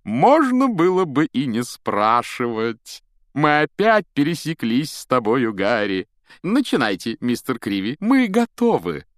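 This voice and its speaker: A man's voice: on the high side, wildly swooping pitch, unhurried, no room sound, studio quality, voice pushed up. Gilderoy Lockhart, a man doing a pompous vain wizard. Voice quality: pompous, sing-song. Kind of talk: audiobook character voice.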